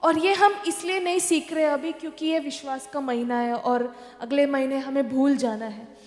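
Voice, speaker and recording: A woman's voice: sits high, fairly even intonation, moderate pace, faint music behind. A woman pastor preaching a sermon, telling a story and slipping English phrases into her talk. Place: church hall. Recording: echoey church hall.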